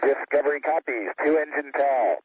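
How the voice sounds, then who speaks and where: A man's voice: fairly high pitch, moderate pace, husky. A man giving terse callouts as a crew member over a crackly radio transmission. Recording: lo-fi radio air-to-ground link.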